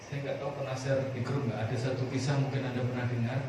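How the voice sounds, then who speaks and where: A man's voice: medium pitch, quick pace. Man preaching in an echoey hall. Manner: animated, calls on the congregation to answer. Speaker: pastor. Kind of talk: sermon. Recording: echoey room, far from the mic, clear noise.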